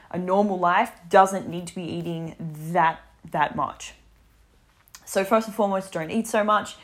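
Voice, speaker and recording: A woman in her twenties talking casually to camera about health, chatty and full of fillers. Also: mid-range voice. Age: 20s. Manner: chatty, many fillers and restarts. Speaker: vlogger.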